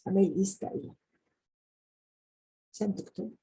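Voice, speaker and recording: A woman talks through a grammar lesson in a very husky, breathy voice. Her tone is dark and mellow. She explains casually and slows right down to spell out each French example. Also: medium pitch, steady tone, rough recording. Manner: reads French examples slowly and deliberately, explains in casual dialect; frequent hesitations and restarts.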